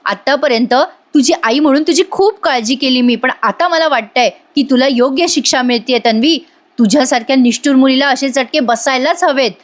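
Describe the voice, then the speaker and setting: A woman's voice: high-pitched, brisk, lightly acted. A woman voicing a disappointed mother from a TV serial, coldly reproaching her daughter.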